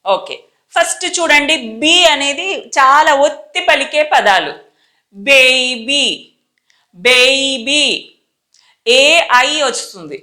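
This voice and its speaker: A woman with a Telugu accent teaching English pronunciation, repeating each word slowly and clearly in a deliberate, stressed way. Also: high voice, expressive, pushed and bright. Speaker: spoken English tutor. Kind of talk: slow, deliberate pronunciation lesson.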